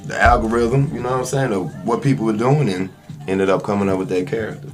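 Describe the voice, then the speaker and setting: Over background music, an actor and online skit comedian with a Southern US accent swaps stories as a podcast guest, loose, informal and full of slang. He speaks quickly in a lowish voice.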